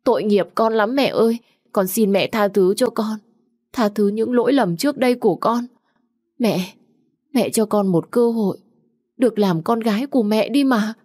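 A woman's voice: lowish voice, moderate pace, long pauses, darkish tone, no room sound, studio quality, natural voice. A woman voicing a scheming young woman who begs tearfully in a raised, pleading voice. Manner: pleading, sobbing, wheedling.

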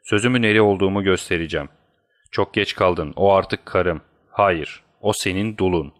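A man's voice: low voice, normal speed, dry recording, studio quality, lightly acted. A man voicing a passionate, fiercely protective young man in an audiobook, speaking defiantly. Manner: impassioned, defiant.

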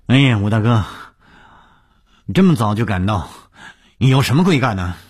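A man's voice: fairly low pitch, big pitch swings, moderate pace, darkish tone, breathy edge, voice pushed up. A man voicing a scheming middle-aged company manager who greets people in a hearty, falsely friendly manner.

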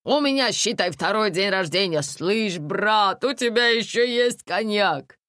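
Woman playing middle-aged bus driver man, blunt, familiar, lively, storybook role. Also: mid-range voice, measured pace, dry recording, studio quality, voice pushed up. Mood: blunt jovial. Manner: blunt, familiar, broken phrasing.

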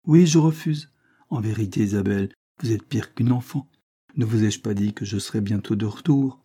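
A man reading aloud, voicing a cold, impudent aristocrat who answers firmly and calmly. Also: on the low side, moderate pace, slightly rough. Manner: cold, firm.

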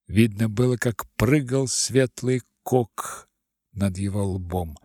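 A man narrating a literary audiobook in a measured, expressive way. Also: on the low side, breathy edge, no echo, clean studio sound.

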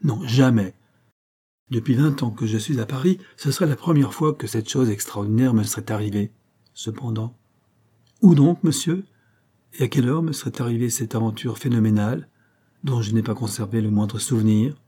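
A man's voice: medium pitch, normal speed, dark tone, breathy edge, close to an everyday voice. A male narrator voicing a fussy, methodical old accountant who speaks with prim indignation. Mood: indignant.

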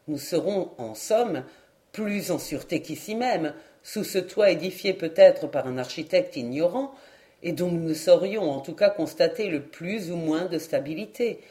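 A woman voicing a kindly middle-aged male doctor who speaks in a measured, reassuring, good-natured way in an audiobook. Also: low voice, mellow, voice pushed down.

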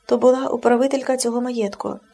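A woman narrating an audiobook in an expressive, measured reading. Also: on the high side, slightly rough, faint music behind.

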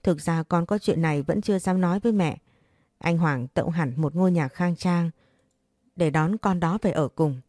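Storybook role: a choked, pleading young woman, read by a woman narrator, warm and low. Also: normal speed, no room sound, clean studio sound, close to an everyday voice. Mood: tearful. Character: tearful jilted young woman.

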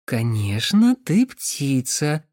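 Man doing a young woman, careful and soft-spoken, goes firm now and then, bit higher than his own voice, lively. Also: a little slow, no room sound, clean studio sound. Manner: soft, coaxing, sometimes sharp commands. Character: young woman, cautious, gentle but firm.

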